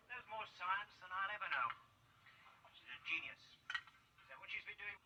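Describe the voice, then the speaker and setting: A curious, wry young schoolmaster in a vintage TV drama. His voice is bright and sharp, and his pitch swoops about. He sounds distant, with a faint hiss. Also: animated, normal speed, exaggerated voice. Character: inquisitive, wry young male science teacher. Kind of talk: 1960s television drama acting.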